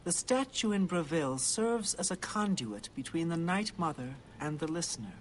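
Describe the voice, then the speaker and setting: A man acting a devoted servant of an assassins' order in a game. He speaks in a slightly high voice, formal, measured and deferential, with faint noise behind him. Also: expressive, natural voice. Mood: earnest, instructive. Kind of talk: video game character acting.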